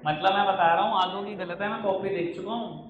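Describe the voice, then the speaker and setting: A man's voice: high voice, steady tone, a little fast, reverberant, narrow, tinny audio, a crowd in the background. A man from Uttar Pradesh teaching an online accountancy class, teasing and scolding his students fondly as he works through examples. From Uttar Pradesh, India. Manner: teasing, scolding, calls students "babu" and "beta".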